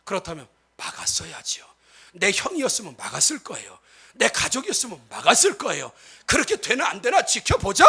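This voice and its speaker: A male pastor giving a lively sermon, acting out quoted speech and often addressing the congregation directly. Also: very high voice, husky. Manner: animated, acts out quoted speech.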